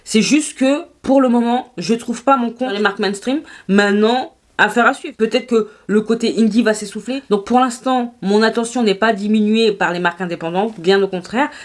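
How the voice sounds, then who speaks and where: A woman with a French accent, chatting casually through a makeup review, animated and quick to laugh. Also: on the high side. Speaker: beauty vlogger.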